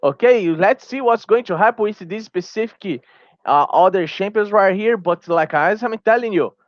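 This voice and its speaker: A small gaming YouTuber whose first language is Portuguese gives a heated opinion vlog, repeating himself, restarting phrases and sounding tired. His high-pitched voice is animated at a moderate pace, and the audio is dull with no room sound.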